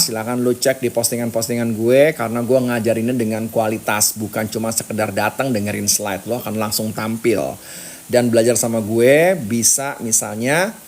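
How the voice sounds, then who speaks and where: A man's voice: medium pitch, darkish tone. A man coaching public speaking in casual, slangy talk, firing rhetorical questions at the viewer.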